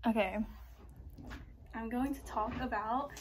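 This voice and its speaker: A woman's voice: on the high side, slow, over loud music. A woman, chatting casually to her phone camera in a student vlog, upbeat and full of fillers. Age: 20s. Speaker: college student vlogger.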